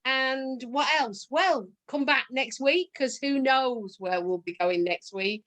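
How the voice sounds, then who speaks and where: A woman's voice: sits high, takes it slowly, fairly bright tone. A woman hosting a casual interview, chatty and rambling as she signs off. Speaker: host.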